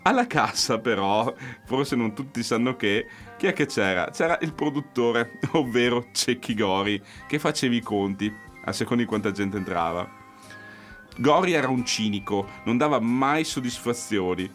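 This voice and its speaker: A man narrating cinema anecdotes in a lively, storytelling manner. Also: mid-range voice, normal speed, faint music behind. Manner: lively anecdotal, acts out quotes.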